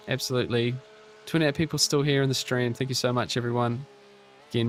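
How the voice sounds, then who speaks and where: A man hosting a casual live stream, chatting with viewers and a teammate in a relaxed way, full of restarts and fillers. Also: mid-range voice, slight background noise. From New Zealand. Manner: relaxed and chatty, with frequent restarts and fillers while reading chat aloud; friendly, encouraging teammate. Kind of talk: casual live-stream chat over sim racing.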